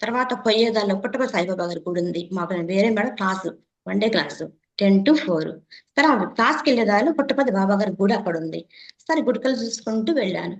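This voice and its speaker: A woman's voice: mid-range voice, lively intonation, fast talker. A woman in her forties sharing an earnest personal testimony with a meditation class, stressing her points through repeated phrases. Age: 40s. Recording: roomy, dull lo-fi sound.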